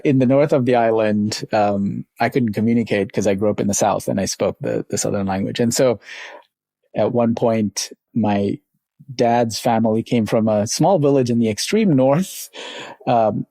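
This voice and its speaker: A middle-aged company founder from Sri Lanka recounts his life story as an interview guest, reflective and rambling, with little laughs along the way. His voice is medium-pitched and dark in tone, at a moderate pace, recorded with no echo.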